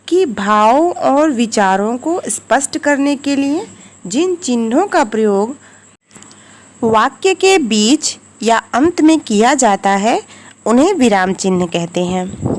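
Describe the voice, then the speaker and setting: Slow, lively-voiced woman teacher. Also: a little high. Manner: slow, clear explaining with lively rises on examples. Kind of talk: recorded grammar lesson.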